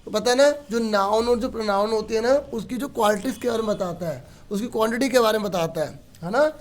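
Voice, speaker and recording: A man's voice: high voice, fast. A male teacher explaining grammar to pupils, asking questions and answering them himself. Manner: explains patiently, asks and answers his own questions. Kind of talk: online grammar lesson.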